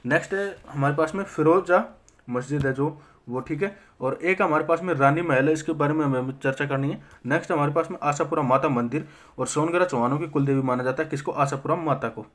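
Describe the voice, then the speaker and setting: A young man with a slightly high, somewhat bright voice teaches a history lesson for exam prep. He fires quick questions at himself, answers them, and keeps checking in with his listeners.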